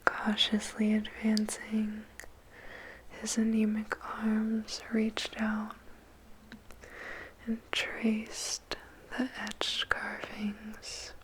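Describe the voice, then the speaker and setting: A woman whispers a poem in ASMR style, phrasing it deliberately with dramatic pauses. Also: medium pitch, completely flat delivery, a little hiss or hum, low-quality recording. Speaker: ASMR performer reciting a poem. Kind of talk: whispered ASMR poetry recitation.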